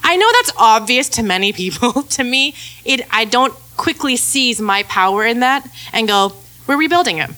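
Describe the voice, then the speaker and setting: A woman's voice: on the high side, animated, moderate pace, hardly any pauses, sharp tone. A woman co-hosting a talk show, telling personal stories in a candid, self-mocking way. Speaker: podcast co-host. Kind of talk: casual personal storytelling.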